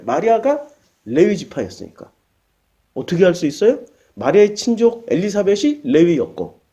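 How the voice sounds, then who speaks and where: A male preacher with a high, lively voice that leaps up and down as he teaches scripture. He keeps asking his listeners questions and answering them, driving his points home with repetition. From Korea. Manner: asks the audience rhetorical questions and answers them; shifts between formal address and blunt casual speech. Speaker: pastor teaching Bible lectures. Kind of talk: Bible lecture sermon.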